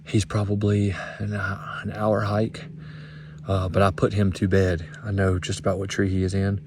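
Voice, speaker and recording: A man in casual vlog narration, talking in a relaxed, rambling way with fillers. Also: deep voice, moderate pace, noisy background. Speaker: hunter filming his trip.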